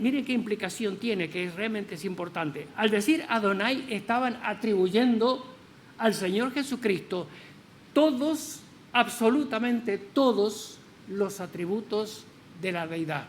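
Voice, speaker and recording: A man's voice: high voice, slight background noise. A man preaching in church, explaining scripture with many rhetorical questions and stressed words. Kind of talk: sermon.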